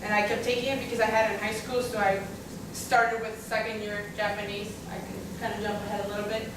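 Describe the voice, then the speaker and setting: Her voice sits at medium pitch and barely moves as she talks quickly: a young adult woman from Russia, Russian her first language, telling her own story casually on a panel with many fillers and asides. The audio is echoey and distant, with background noise.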